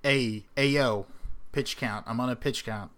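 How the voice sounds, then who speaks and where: A man co-hosting a casual podcast, playful and quick to riff on jokes. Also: mid-range voice, a bit bright. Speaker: podcast co-host.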